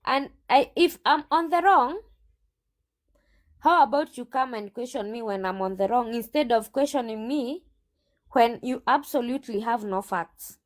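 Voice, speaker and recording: A woman with a high, lively voice that swings up and down as she argues her case. She speaks assertively and combatively, often repeating her phrases. The setting is a heated interview about her recruitment agency. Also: normal speed. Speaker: recruitment agent.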